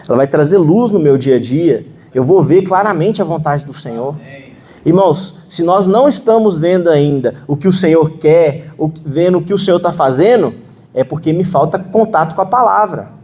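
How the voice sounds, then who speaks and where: A Brazilian man with a Minas Gerais accent delivers a sermon to his congregation. His voice sits high but sounds dark and mellow. He talks earnestly and conversationally, often pausing to check in with listeners. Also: lively intonation. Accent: Brazilian Portuguese, Minas Gerais. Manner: earnest, conversational preaching with frequent "né?" and "Ó Senhor Jesus". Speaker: minister preaching. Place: church meeting hall.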